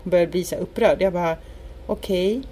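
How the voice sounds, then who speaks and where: Podcast co-host, woman from Sweden, lowish warm voice, chatty storyteller who acts out quotes. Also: fairly even intonation. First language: Spanish. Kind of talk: casual chat. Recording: faint background noise.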